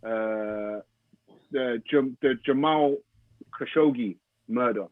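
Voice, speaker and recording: A man's voice: mid-range voice, slow, no echo. A London man co-hosting a casual podcast. He talks in slang and repeats words for emphasis. The sound is very dry and narrow, like a phone line. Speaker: podcast co-host. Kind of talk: casual chat.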